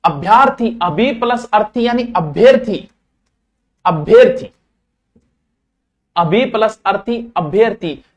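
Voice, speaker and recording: High-voiced teacher drilling words. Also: male voice, a little slow, few pauses. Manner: drilling, repeats words many times; folksy and animated, sudden loud stresses. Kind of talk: Hindi grammar class.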